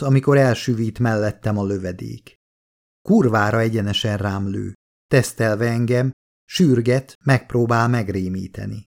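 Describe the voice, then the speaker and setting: A man narrating an audiobook in the first person, with a steady, measured reading. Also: mid-range voice.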